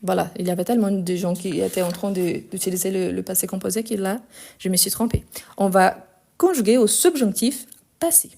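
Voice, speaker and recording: A woman with a Lyon accent, from France and Brazil, teaching a French grammar lesson in a live stream, spelling out verb forms slowly and firmly answering critics. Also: medium pitch, gravelly, a little mellow. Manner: explanatory, repeats forms slowly, gets indignant answering critics.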